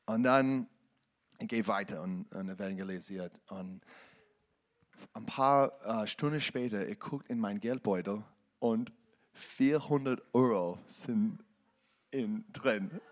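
Slow-speaking preacher, halting German. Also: male voice, fairly low pitch. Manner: halting non-native German, emphatic. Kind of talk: preaching with a testimony.

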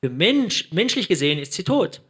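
A man's voice: high voice, sing-song, normal speed, fairly bright tone, husky. A man interpreting a sermon line by line, mirroring the preacher's delivery with some hesitations and self-corrections.

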